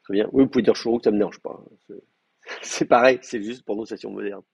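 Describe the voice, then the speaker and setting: A man teaching in a classroom, walking students through grammar in a hesitant, thinking-aloud way. His voice is husky at a middling pitch. The recording is dull and dry, with little room sound. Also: steady tone, fairly quick, darkish tone, dry recording. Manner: hesitant, many fillers and restarts while explaining. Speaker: Hebrew teacher. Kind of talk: classroom lecture.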